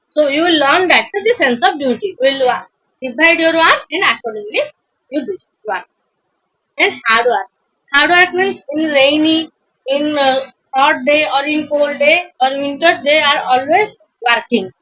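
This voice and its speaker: A woman teacher with a high, light voice walks pupils through an English lesson. She repeats points, asks the class "yes or no," and acts out their excuses. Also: a bit bright, poor audio. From India.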